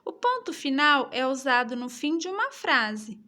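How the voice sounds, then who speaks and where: A woman teacher with a Brazilian Portuguese accent reads a schoolbook lesson aloud for young pupils. Her voice is high, and she draws each word out slowly, with strongly exaggerated rises and falls. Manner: slow, expressive reading with exaggerated intonation.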